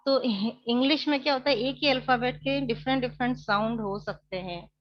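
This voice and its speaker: A woman's voice: a little high, no echo, dull audio. A woman teacher, explaining an English lesson in Hindi mixed with English. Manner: slows right down on English phrases.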